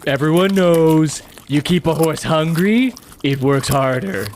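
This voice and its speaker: A man co-hosting an improvised comedy podcast, narrating deadpan and rambling in halting, restarting sentences. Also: fairly high pitch, a little hiss or hum.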